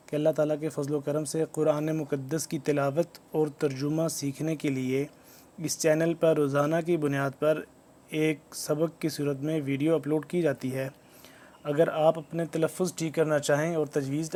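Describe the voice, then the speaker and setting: A man with a Pakistani Urdu accent teaches a tajweed lesson. He chants each verse slowly and tunefully, then breaks it down letter by letter in a calm explaining voice. His tone is mellow and warm, and his pitch sits slightly high but stays fairly even. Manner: recites verses slowly and melodically, then spells letters and explains rules calmly. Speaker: Quran recitation teacher.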